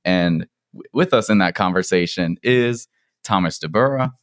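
A man's voice: deep voice, normal speed, dry recording, studio quality. A man hosting a podcast in a chatty, friendly way with frequent ums. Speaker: podcast host.

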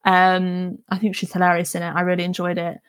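A woman film journalist guesting on a podcast, relaxed and chatty, laughing often. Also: lowish voice, brisk, no echo. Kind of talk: casual film chat.

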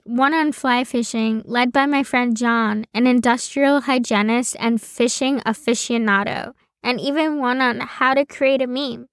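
A woman hosting her own podcast, reading a scripted personal story in a slow, deliberate storytelling manner. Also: fairly high pitch, no room sound, studio quality. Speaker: podcast host.

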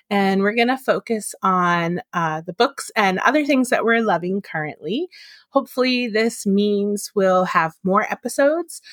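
Friendly woman librarian host, laughs easily, mid pitch, dry close mic. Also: fairly bright tone, dry recording. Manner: giggly, friendly, hesitant fillers. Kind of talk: casual chat.

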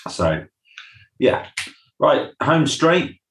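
A man's voice: a little high, very animated, extremely slow, fairly bright tone. A man, co-hosting a podcast and chatting casually through a recap, often acting out lines from scenes. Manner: chatty, quotes scenes in funny voices. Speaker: podcast co-host. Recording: roomy echo.

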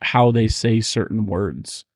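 A man's voice: on the low side, slow. A man hosting a casual podcast chat, joking and trying out accents.

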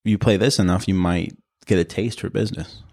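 A man co-hosting a casual podcast, his voice sitting low and sounding dry and close with no room around it. He jokes and teases, dropping in quick short reactions. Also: vocal fry, a little mellow, no echo. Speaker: podcast co-host. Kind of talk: casual chat.

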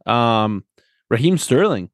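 In studio-quality audio with no room sound, a man with a mid-range, sing-song voice talks slowly. He is a soccer coach and podcast co-host in a relaxed sports chat, frequently checking for agreement with tag questions.

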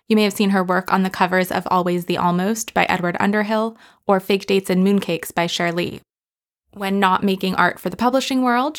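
A woman who hosts a podcast and owns a bookshop, asking her guest friendly, chatty questions. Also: fairly low pitch. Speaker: podcast host and bookshop owner. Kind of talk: podcast interview.

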